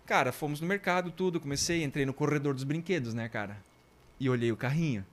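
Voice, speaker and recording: A slightly high-voiced man tells a funny childhood story. He talks casually and with animation, putting on voices for the people in it and laughing along as he goes. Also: quick pace. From Brazil. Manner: lively anecdotes, mimics voices and laughs often. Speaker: priest guest telling a childhood story.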